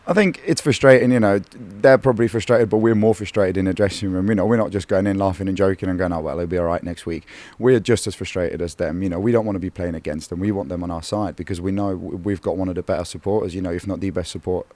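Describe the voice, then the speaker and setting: A man's voice: sits low, fairly even intonation, fast, hardly any pauses, darkish tone, dry recording. A man in his thirties, a goalkeeper in a post-match interview, talking earnestly with many fillers and repeated words.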